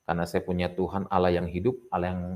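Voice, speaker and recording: Male guest preacher, low voice, lively storytelling testimony. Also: fast talker. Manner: animated, rises in pitch when retelling prayers.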